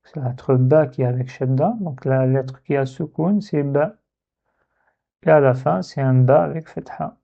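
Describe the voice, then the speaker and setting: A man teaching a lesson step by step, patient, and repeating words slowly so they can be copied. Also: mid-range voice, gravelly, mellow, dull audio. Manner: slow, patient, repeats words to model pronunciation.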